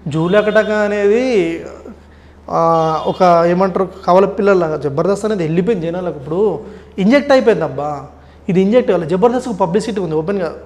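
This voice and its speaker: A man talks as a comedian guest in a casual interview. He tells stories rapidly and with a lot of animation. His voice sits high and his words come quickly. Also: darkish tone.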